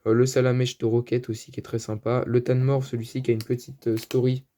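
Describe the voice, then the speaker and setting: A man's voice: medium pitch, little pitch movement, quick pace, dark tone. A man with a French accent presenting his card collection in a casual, hesitant chat full of fillers. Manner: chatty, hesitant, many fillers. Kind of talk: casual show-and-tell.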